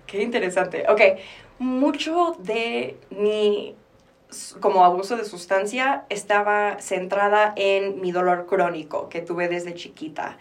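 A young Mexican woman with a Mexican Spanish accent, speaking as a podcast guest. Her voice sits at an ordinary middle pitch for a woman. She talks openly and reflectively, looking back on her own life, and drops an English phrase into her Spanish here and there. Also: slow pace, far from the mic. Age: 20s. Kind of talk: candid personal interview.

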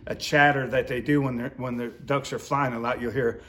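A man's voice: mid-range voice, fairly even intonation, a little fast, fairly bright tone. A man instructing in duck calling, explaining his technique step by step in an informal, hands-on way.

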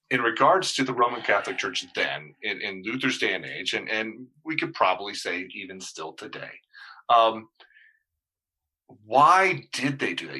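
A man's voice: fairly low pitch, sharp tone, husky, poor audio. A male pastor in casual discussion, talking hesitantly with many fillers and restarts.

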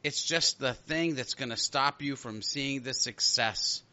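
A man's voice: mid-range voice, unhurried, sharp tone. A man hosting an interview, asking chatty, rambling questions. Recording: dry, slightly dull lo-fi audio.

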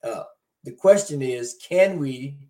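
A man's voice: mid-range voice, animated, slow pace, dark tone. A man co-hosting a casual talk show, agreeing often and restarting words as he goes. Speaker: co-host. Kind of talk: casual chat on current events.

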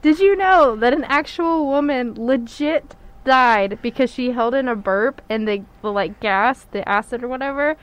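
Female podcast co-host, slightly high voice, giggly, chatty, lots of fillers. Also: normal speed, hardly any pauses, a little hiss or hum. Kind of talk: casual chat.

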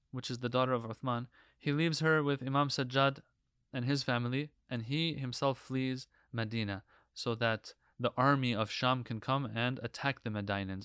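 A man's voice: medium pitch, a bit bright, smooth, no echo, studio quality. A man giving an Islamic history lecture in an emphatic, preacher-like manner with rhetorical questions. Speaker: religious lecturer.

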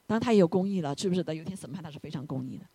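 A woman preaching a sermon to her congregation with a husky, slightly breathy voice. Her pitch swings widely as she presses her listeners with repeated questions, and she sometimes sinks to a soft near-whisper for emphasis. The sound is dry and close. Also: racing, no echo. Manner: animated, keeps asking the congregation "right?".

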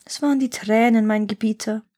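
Lady putting on a sneaky servant girl, fawning and sly, pitched up and a bit breathy. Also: fairly even intonation, fairly quick, a little mellow, close to an everyday voice. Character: scheming lying young servant maid.

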